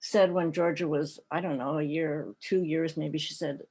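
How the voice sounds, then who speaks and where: A woman's voice: low-pitched, fairly even intonation, moderate pace, darkish tone. Middle-aged woman, panelist on a video call, reflective storyteller with easy light laughter. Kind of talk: personal talk at an online panel.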